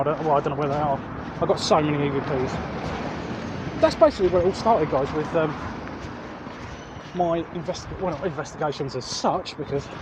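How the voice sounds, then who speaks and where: This Englishman hosts a vlog, rambling casually to viewers as he walks city streets, often hesitating, repeating himself and fixing his sentences partway through. He has a fairly high pitch, and the outdoor recording picks up traffic noise.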